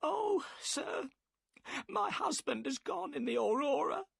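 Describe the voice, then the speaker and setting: A man's voice: very high voice, slow, creaky, fairly bright tone, no echo, studio quality, pitched above the performer's own voice, full character voice. A man voicing a worried, tearful middle-aged wife of a boatman, who answers deferentially and keeps calling him sir. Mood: weeping. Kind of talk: audiobook character voice.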